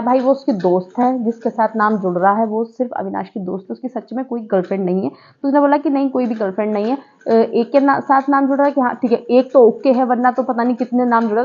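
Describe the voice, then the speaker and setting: A woman's voice: a little high, darkish tone, lo-fi sound. A woman giving a chatty, opinionated spoken review of a reality show, mixing English words into her talk.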